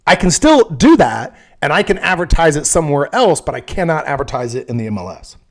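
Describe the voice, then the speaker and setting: A man's voice: fairly high pitch, sing-song, a little fast. A man working as a real estate agent, explaining things frankly and casually, often checking in with "okay?".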